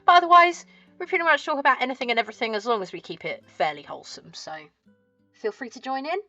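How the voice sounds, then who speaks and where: A woman's voice: on the high side, sing-song, quick pace, a bit bright, no echo, highs cut off, soft background music. A woman with a southern English accent chatting casually as a livestream host, chirpy and friendly in a cute streamer manner.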